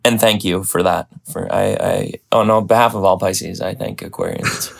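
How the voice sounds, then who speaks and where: A man's voice: low voice, fairly even intonation, moderate pace, gravelly. A man hosting a podcast, chatting loosely and rambling, laughing often. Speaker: podcast host. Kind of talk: casual chat.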